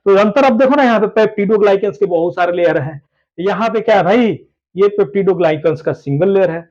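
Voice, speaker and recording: A man's voice: high-pitched, moderate pace, a little mellow. A man teaching biology who repeats his key points and keeps urging his students to listen closely. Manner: repetitive, calls students "babu", urges them to listen closely. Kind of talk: explaining a lesson at a whiteboard. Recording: dull lo-fi recording.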